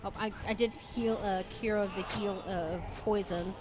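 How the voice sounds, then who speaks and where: A woman's voice: medium pitch, fairly even intonation, normal speed, heavy background noise. A woman giving casual, chatty commentary as she streams a game. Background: game music.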